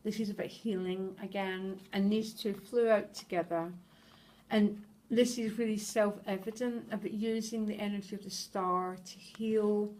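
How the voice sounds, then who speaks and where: A woman's voice: mid-range voice, fairly even intonation, unhurried, darkish tone. Earnest, emotional woman reading tarot. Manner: earnest and emotional, keeps checking in with viewers. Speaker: tarot reader. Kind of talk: tarot reading addressed to viewers.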